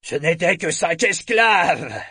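A man voicing a cruel enemy ship commander who shouts defiantly across the water in an audiobook. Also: fairly high pitch, sing-song, slow, breathy edge, no echo, clean studio sound, pitched above the performer's own voice, full character voice. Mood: bellowing.

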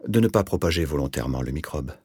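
A man voicing a calm, patient, gently ironic middle-aged man in an audiobook. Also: rumbling low, quick pace, breathy edge, no echo, clean studio sound, full character voice. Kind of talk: audiobook character voice.

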